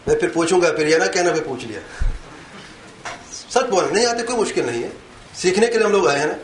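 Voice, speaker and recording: A man's voice: high-pitched, expressive. A man giving an interactive religious talk, quizzing and teasing his audience. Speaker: Islamic lecturer. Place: lecture hall with a live audience. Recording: echoey hall with faint room noise.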